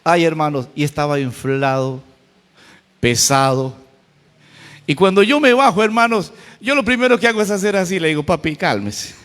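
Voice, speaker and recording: Costa rican pastor guy, really high voice, jokey and punchy, echoing church hall. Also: moderate pace, fairly bright tone. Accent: Costa Rican Spanish. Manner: colloquial, humorous, emphatic preaching. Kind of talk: sermon with storytelling. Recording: church hall with long reverb.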